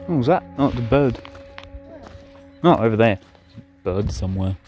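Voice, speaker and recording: A man's voice: mid-range voice, expressive, normal speed, darkish tone, faint music behind. A young man, chatting in an easygoing, rambling way as he narrates his vlog and comments on a bushwalk. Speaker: vlogger.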